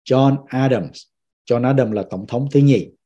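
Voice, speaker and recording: Male teacher, native Vietnamese, mellow tone, drills each word and explains it. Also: mid-range voice, husky, muffled recording. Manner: repeats each English word slowly, then explains it. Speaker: pastor teaching citizenship class. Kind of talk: vocabulary lesson, teacher repeating words.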